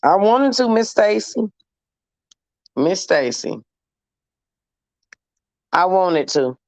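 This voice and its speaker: A woman's voice: lowish voice, drawn-out words, no room sound. Profane woman telling a story on stream. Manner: profane, animated, mocking. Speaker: live streamer. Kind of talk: casual live-stream storytelling.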